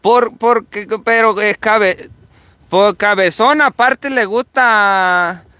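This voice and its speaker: A woman's voice: medium pitch, slow pace, sharp tone, no echo. A middle-aged woman, the mother, chatting in a supportive way and often repeating herself as she talks. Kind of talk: casual conversation.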